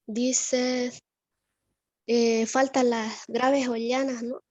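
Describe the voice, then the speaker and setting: A woman's voice: on the high side, little pitch movement, drawn-out words, a little mellow, no echo, lo-fi sound. A woman student giving a class presentation, hesitant and with fillers.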